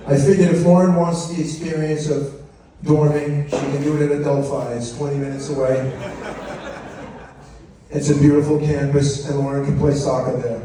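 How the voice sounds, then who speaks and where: A man's voice: on the high side, mellow. Echoey middle-aged man giving a wedding speech. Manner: anecdotal storytelling, acting out quoted remarks. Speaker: father of the bride giving a speech. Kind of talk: prepared humorous wedding speech. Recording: echoey room, distant mic, faint noise.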